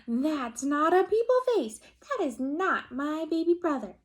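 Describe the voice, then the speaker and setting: A woman voicing a young girl in a storybook read-aloud, protesting slowly and emphatically that the baby is not right. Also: fairly high pitch, animated. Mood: insistent.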